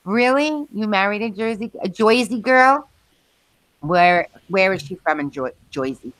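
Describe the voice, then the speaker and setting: A middle-aged New York woman hosts a livestream, chatting casually, rambling between topics, reading out the chat and laughing often. Her medium-pitched voice is animated, a bit bright and measured, with no echo.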